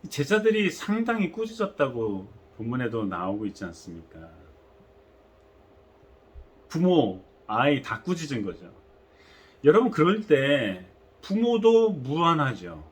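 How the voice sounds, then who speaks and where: A male pastor preaching a sermon, telling the story in an animated way with acted-out quotes. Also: medium pitch, a little slow, pauses often, slightly rough.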